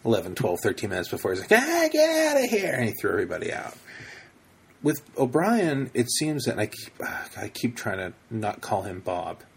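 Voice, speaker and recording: A man's voice: fairly low pitch, lively intonation, brisk, creaky, husky. A man in his thirties hosting a casual podcast interview, rambling through his thoughts with frequent restarts and asides. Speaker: podcast host.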